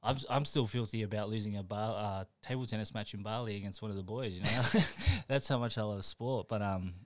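A man's voice: on the low side, fairly quick, dry recording. A young man, a podcast guest chatting casually, laid-back and laughing often as he trails off mid-sentence. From New Zealand. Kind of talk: casual chat.

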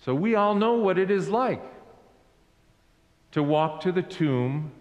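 A male pastor preaching an Easter sermon in a slow, deliberate way. He asks the congregation to repeat lines after him. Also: high-pitched, animated, lo-fi sound. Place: church sanctuary. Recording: echoey hall with long reverb.

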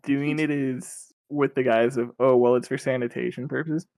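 Young podcast dude, shrugs stuff off, wry, mid-pitched voice. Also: male voice, level tone, normal speed, gravelly, a little mellow, no room sound, rough recording. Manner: offhand, dismissive, wry. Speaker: podcast co-host. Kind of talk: casual chat.

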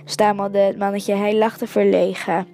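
A woman's voice: mid-range voice, little pitch movement, unhurried, warm tone, faint music behind. A woman reading a children's story aloud, stumbling and correcting herself over words. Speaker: story reader.

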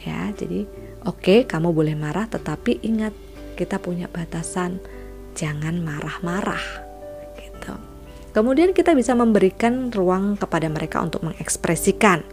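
A woman child counselor giving a parenting lesson in a calm, gentle way, often dropping to a soft whisper. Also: lowish voice, normal speed, faint music behind.

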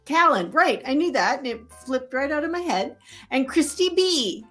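Woman from Canada, podcast host, lively pitch, light music under her, laughs a lot. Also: normal speed. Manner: chatty, laughs often. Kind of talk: casual live-stream interview.

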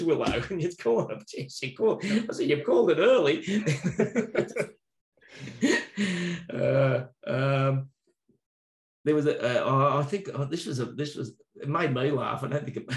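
An Australian teacher and maths trainer with a gravelly, mid-range voice tells casual anecdotes in an interview, laughing often and swearing freely. The recording has a roomy echo.

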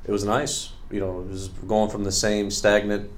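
A man's voice: fairly low pitch, flat delivery, moderate pace. A man in his late twenties from Bosnia, talking earnestly as a podcast guest, rambling with fillers. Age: late 20s. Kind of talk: casual interview talk.

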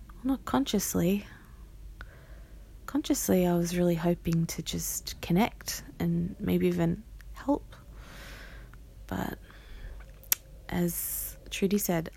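Slow, creaky-voiced woman musing aloud. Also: lowish voice, dark tone. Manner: reflective, halting, with pauses and sighs. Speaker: podcast host. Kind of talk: casual, confessional solo audio diary.

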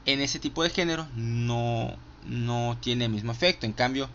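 A man's voice: medium pitch, steady tone, normal speed, fairly bright tone, dull audio, slight background noise. A man with a Mexican accent counting down his favorite films in a casual, profane, enthusiastic monologue full of fillers. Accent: Mexican Spanish. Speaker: film reviewer.

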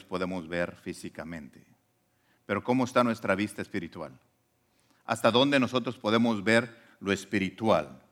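A male pastor delivers a sermon in a conversational way, putting questions to his listeners. His voice is very animated, rising sharply for emphasis and falling back to quiet asides. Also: mid-range voice. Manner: conversational, asks the congregation questions.

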